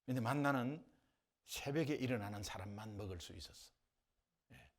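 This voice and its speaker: A middle-aged man preaching a sermon as pastor, telling stories in an animated way, with dialect impressions and laughter. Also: mid-range voice, moderate pace. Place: church sanctuary.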